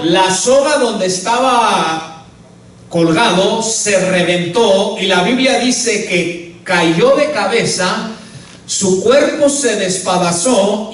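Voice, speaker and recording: A man's voice: high-pitched, a bit bright. A male pastor preaching a sermon with emphasis, often calling out to the congregation as brothers. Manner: emphatic, often calls out "hermano". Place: church. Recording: echoey church hall, mic at a distance.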